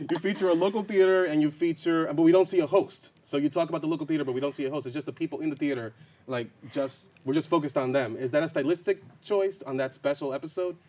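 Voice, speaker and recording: A man's voice: on the high side, quick pace, darkish tone. A man hosting a TV interview, upbeat and joking with his guest. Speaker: interview host, programming manager.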